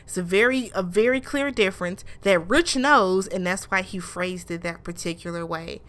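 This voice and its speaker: A woman casually recapping a reality show in a blunt, animated way, with frequent swearing. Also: mid-range voice, normal speed. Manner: mimics show cast members in raised voices.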